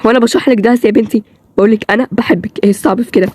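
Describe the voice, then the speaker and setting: Woman playing an earnest Egyptian young man, insistent and quick, dry close mic. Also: fairly high pitch, steady tone, darkish tone, dry recording, lightly acted. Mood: exasperated. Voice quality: insistent, exasperated pleading.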